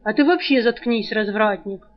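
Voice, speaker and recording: A woman's voice: fairly high pitch, normal speed, muffled recording, close to an everyday voice. A woman reader voicing a sardonic, scornful young man who snaps back with gloomy sneers. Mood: sneering.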